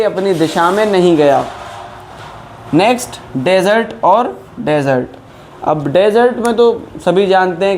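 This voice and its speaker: A high-pitched man runs an exam-prep vocabulary lesson. He explains each word in Hindi, then reads example sentences out slowly and deliberately. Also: a little mellow. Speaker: English vocabulary teacher.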